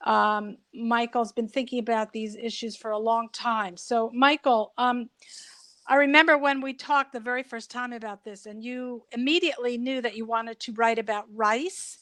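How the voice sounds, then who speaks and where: A woman moderating a panel over a video call without her camera, talking warmly with many fillers. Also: on the high side, steady tone, normal speed. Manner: warm and chatty, with hesitant fillers. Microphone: video call, audio only.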